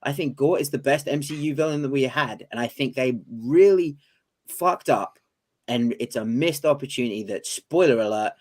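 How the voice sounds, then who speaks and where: A man's voice: mid-range voice, darkish tone. A man with a British accent co-hosting a casual podcast debate, enthusiastic and swearing casually. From Britain. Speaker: co-host.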